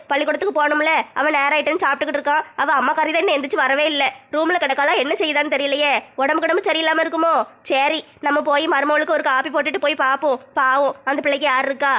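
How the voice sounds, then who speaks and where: Quick-talking woman doing a grumbly comedy skit, high voice, scolds a lot. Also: a bit bright. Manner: scolding, grumbling village banter. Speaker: comic sketch performer playing a mother-in-law. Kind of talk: comic skit acting.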